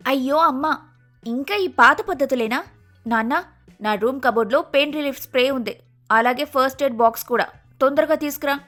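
A gushing young girl in falsetto. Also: a little fast, pushed and bright, soft background music. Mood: bossy. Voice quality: shrill falsetto. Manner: gushing, pushy.

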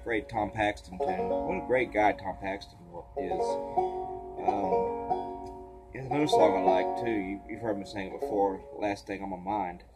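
A man teaching a clawhammer banjo lesson, a little tired, counting beats aloud in a relaxed, casual way. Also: lowish voice, normal speed, over loud music, poor audio. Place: porch. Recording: banjo playing behind.

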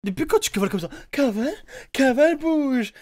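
A young man doing reaction video commentary, excitable and mocking, laughing often as he talks. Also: very high-pitched, fairly quick, noisy background. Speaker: YouTuber reacting to a music video.

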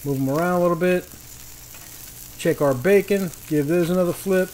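A man with a high-pitched, slightly mellow voice hosts a casual outdoor cooking demonstration at a moderate pace, though the audio is poor. Standing by a griddle on a paved patio, he offers folksy, informal tips as food sizzles clearly in the background.

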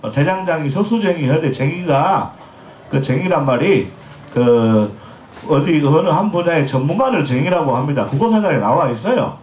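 A Jeolla pumba street performer in his forties speaks at a moderate pace with lively intonation, his voice a little high yet darkish and a bit scratchy. He's joking with and teasing the crowd from an outdoor festival stage, and the PA makes it echoey.

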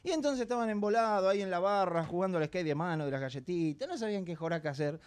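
A man with an Argentine accent telling jokes on a TV show, acting out characters in squeaky voices. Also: fast talker, clear, resonant tone. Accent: Argentine Rioplatense. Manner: animated, acts out characters in high squeaky voices. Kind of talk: stand-up joke telling on TV. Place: TV studio.

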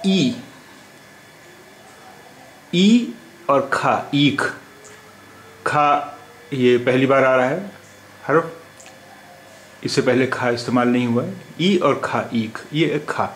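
Slow, patient male language teacher. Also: mid-range voice, a bit bright, echoey room, a little hiss or hum, low-quality recording. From India. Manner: patient, repeats sounds and letters slowly. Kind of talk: slow spoken lesson.

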